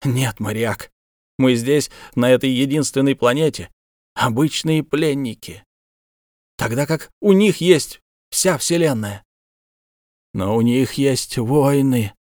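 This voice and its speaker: Brief: male narrator as a tired, idealistic guard for an audiobook, earnest and measured. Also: medium pitch, darkish tone, no room sound, studio quality, close to an everyday voice. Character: weary rebel guard man, idealistic.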